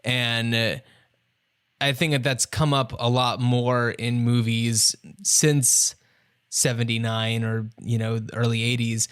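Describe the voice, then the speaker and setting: A man's voice: mid-range voice, level tone, slow pace, fairly bright tone, clean tone. A man co-hosting a podcast, chatting in an easygoing, agreeable way with frequent fillers. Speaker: podcast co-host. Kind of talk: casual chat.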